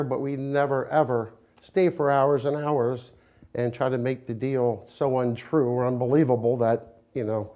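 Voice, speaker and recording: An American window company owner with a warm, medium-pitched voice speaks in a conversational promotional interview. He's folksy and plain-spoken, taking time to explain things.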